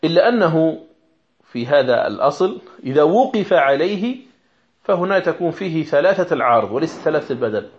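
A man's voice: on the high side, sing-song, brisk. A man teaching a lesson on Quran recitation rules, explaining carefully and sounding out example words aloud. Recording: dull lo-fi recording.

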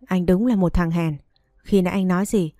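Lady reading a brash young mistress, taunting, low warm voice. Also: steady tone, fairly quick, no echo, studio quality, natural voice. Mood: angry. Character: brazen young mistress, woman.

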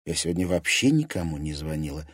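A man reading an audiobook, voicing a young woman who answers softly and defensively. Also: very deep voice, big pitch swings, quick pace, no echo, studio quality, exaggerated voice. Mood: bewildered.

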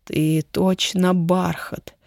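A woman voicing a wealthy young husband, ardent but guarded, in a slow, low, even delivery. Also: dry recording, clean studio sound, close to an everyday voice. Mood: low, measured.

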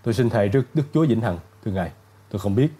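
A man doing a nervous, hurried butler. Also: on the low side, warm tone, lightly acted. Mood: anxious. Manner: hurried, pleading. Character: nervous, eager middle-aged male butler.

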